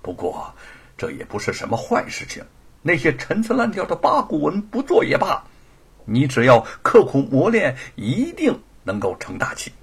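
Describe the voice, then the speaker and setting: A man voicing a gentle middle-aged scholar father who speaks softly and tenderly. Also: fairly high pitch, huge pitch swings, moderate pace, gravelly, husky, voice pushed up, heavily acted.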